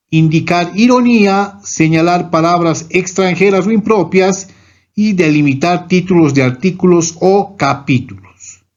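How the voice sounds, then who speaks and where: A man's voice: high-pitched, highs cut off. A man reading a scripted grammar lesson, going through numbered rules and examples one by one. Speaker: teacher.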